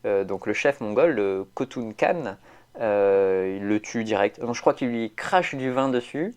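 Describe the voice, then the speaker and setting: A man's voice: on the low side, lively intonation, unhurried, darkish tone, smooth. A man chatting casually on a podcast, rambling with many fillers and restarts. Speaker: podcast host.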